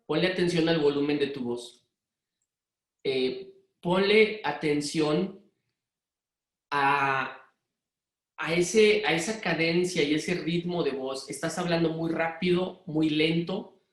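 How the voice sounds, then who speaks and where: A middle-aged man from Mexico City with a Monterrey-influenced Mexican accent, giving a parenting workshop talk to a live audience in a hurried, direct way. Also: fairly high pitch, roomy sound. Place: room with an audience.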